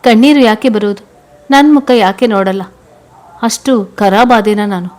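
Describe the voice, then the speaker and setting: A man's voice: high voice, moderate pace, natural voice. A woman voicing a young man who wonders aloud to himself in a questioning manner. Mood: puzzled.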